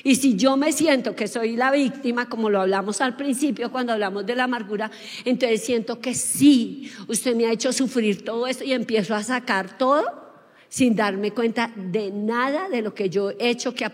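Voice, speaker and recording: A woman preaching a sermon, lively and often asking the congregation questions. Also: a little high. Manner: lively, asks the audience questions. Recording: long hall reverb.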